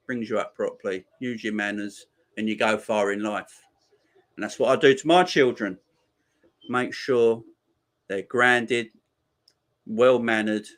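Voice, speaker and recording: A man's voice: lowish voice, a bit bright. A man, hosting a casual football livestream and chatting with viewers, laid-back and slangy, laughing often. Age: 40s. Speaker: livestream host. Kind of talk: casual chat reading viewer comments.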